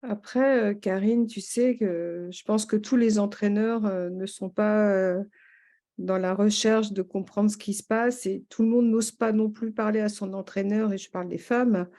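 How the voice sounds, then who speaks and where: A woman hosting a webinar discussion, speaking in a measured way with some fillers. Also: mid-range voice, fairly even intonation, dark tone.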